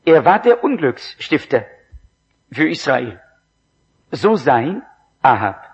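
A man preaching a sermon, slow and emphatic, his voice rising in exclamations. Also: on the high side, very animated, breathy edge. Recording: dull lo-fi recording.

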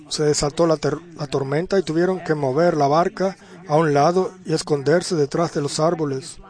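A man delivers a sermon slowly and deliberately, in a slightly high voice. He tells a story from the pulpit and keeps turning to the congregation with rhetorical questions. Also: darkish tone. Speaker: preacher.

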